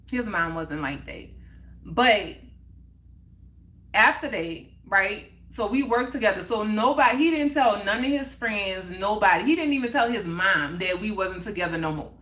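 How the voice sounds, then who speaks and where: A woman hosting a casual chat, telling a personal story in an animated way, repeating phrases for emphasis and acting out what others said. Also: medium pitch, echoey room. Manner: animated, acts out others' words in quotes. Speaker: livestream host.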